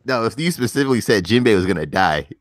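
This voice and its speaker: A man's voice: on the low side, animated, quick pace, slight background noise. A young man co-hosting a casual chat on a voice call, dry and needling, laughing at his friend's claims. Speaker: co-host.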